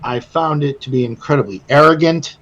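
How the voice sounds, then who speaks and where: A man co-hosting a casual gaming podcast, animated and swearing freely, often stammering and restarting. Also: fairly high pitch, fairly quick, highs cut off. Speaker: podcast co-host.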